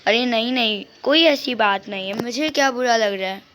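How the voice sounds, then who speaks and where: A woman's voice: fairly high pitch, moderate pace, fairly bright tone, slight background noise. A woman host doing game role-play as a poor, devoted mother who talks in a firm, comforting way. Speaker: gaming channel host voicing a family.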